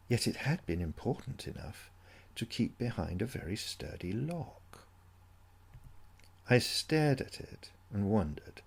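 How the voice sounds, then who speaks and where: This man narrates an eerie first-person story at medium pitch, his voice gravelly and husky. He sounds like a dramatic audiobook, measured and brooding as he builds suspense.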